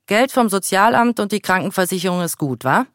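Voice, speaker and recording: A man's voice: high voice, expressive, brisk, a bit bright, no echo, clean studio sound. A man voicing an aggressive young male thug in a subway car, bullying and taunting in a read-aloud story. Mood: mocking.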